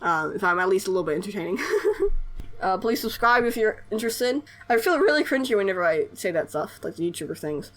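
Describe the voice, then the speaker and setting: This artist and animator YouTuber talks quickly in a fairly bright, medium-pitched voice with lively intonation. Her casual editing voice-over is hesitant, sprinkled with fillers and shy giggles.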